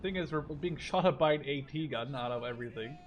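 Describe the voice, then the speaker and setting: A gaming video host in his twenties, from Canada or the Netherlands, gives casual, sweary let's play commentary, thinking aloud as he plays. His voice is fairly high and a little fast, with war game artillery, gunfire and vehicle noise behind him.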